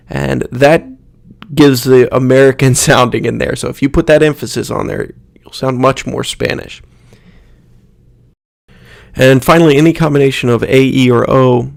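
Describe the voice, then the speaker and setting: A man explaining pronunciation in a lesson, saying example words slowly and repeating them. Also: mid-range voice, creaky, no echo, clean studio sound. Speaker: Spanish pronunciation teacher. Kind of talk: instructional explanation with spoken examples.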